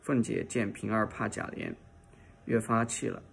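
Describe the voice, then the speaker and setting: A man narrates a classic novel in a low, gravelly voice with a creaky rasp. He reads steadily, now and then restarting a phrase, over a faint background hiss. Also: unhurried. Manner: steady reading with occasional restarts. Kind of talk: reading a classic novel aloud.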